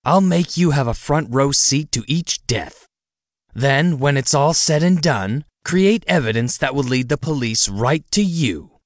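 A man voicing a tiny, smug, bat-winged male demon who mocks and threatens in a quick, lowered voice. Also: expressive, dry recording, studio quality, close to an everyday voice. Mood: menacing. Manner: mocking, quick, menacing.

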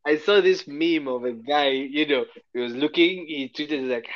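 A man co-hosting a casual podcast chat, animated and quick to laugh. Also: on the high side, muffled recording. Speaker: podcast co-host.

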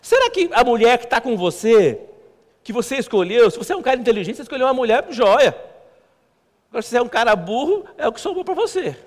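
High-voiced pastor in a reverberant hall. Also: male voice, sing-song. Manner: halting, repeats words, conversational and self-mocking. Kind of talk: sermon. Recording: long church hall reverb.

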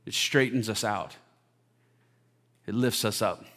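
A man, a pastor, preaching a sermon, reading scripture aloud with rising emphasis and praying softly during a live church service. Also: on the low side, takes it slowly. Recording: long reverb of a large hall.

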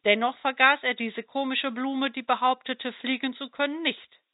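A woman who volunteers in a parish, reading a children's story aloud in a gentle, expressive way. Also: high-pitched, moderate pace, dry recording. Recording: dry, tinny phone-like sound.

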